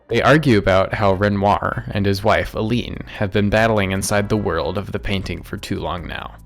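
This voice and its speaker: A man's voice: lowish voice, steady tone, moderate pace, gravelly, soft background music. A man giving a casual, joking recap of a video game's story, rambling into offhand asides. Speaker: gaming YouTuber.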